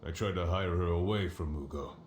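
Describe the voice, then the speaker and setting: An actor playing a gruff, weary old hard-drinking sailor in a video game. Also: male voice, sits low, a little fast, echoey room, noisy background, lightly acted. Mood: reflective. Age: older. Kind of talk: video game dialogue acting.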